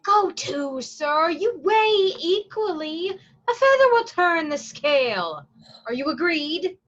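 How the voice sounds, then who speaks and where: In a staged reading captured on slightly muffled lo-fi audio, a female actor voices a brisk, commanding prison provost from Shakespeare. Her voice is high, fairly bright, and unhurried, swinging widely in pitch as she delivers each order heavily acted, stern yet with some pity.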